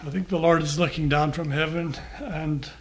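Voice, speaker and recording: Older man preaching slowly, fairly high voice. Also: fairly even intonation, a bit bright. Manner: slow, measured reading with pauses. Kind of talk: scripture reading and sermon.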